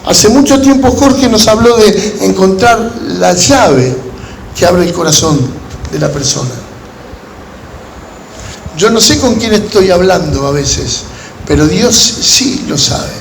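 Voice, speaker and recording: At a church conference, an Argentine pastor preaches to other pastors in a large room, shifting between instruction and storytelling. His notably high voice is expressive and gravelly, with deliberate phrasing and pauses, recorded in an echoey hall with faint background noise.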